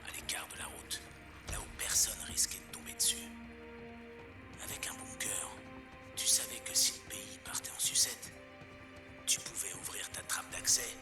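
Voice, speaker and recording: A paranoid pirate radio host. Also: male voice, on the low side. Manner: conspiratorial, preachy, intimate. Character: paranoid survivalist male radio broadcaster. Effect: pirate radio broadcast. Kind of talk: scripted radio monologue. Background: game music.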